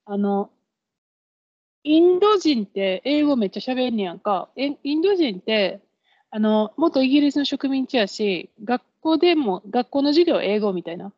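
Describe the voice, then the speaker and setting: A woman's voice: on the high side, animated, moderate pace, no room sound. A woman with a Kansai accent co-hosting a casual podcast chat, explaining with examples and laughing often. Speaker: podcast co-host. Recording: dull lo-fi podcast audio.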